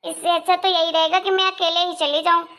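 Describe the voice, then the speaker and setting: A woman's voice: extremely high pitch, level tone, a little fast, bright, forceful tone. A woman voicing a quarrelsome young married daughter. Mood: scolding. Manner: complaining, scolding. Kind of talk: Hindi moral story voice acting.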